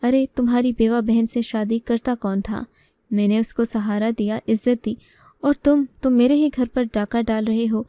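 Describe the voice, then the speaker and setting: Brief: woman playing a young brother in a storybook reading, urgent and indignant, slightly high, warm tone. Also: fairly even intonation, dry recording, lightly acted. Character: worried young man, the heroine's brother, defensive.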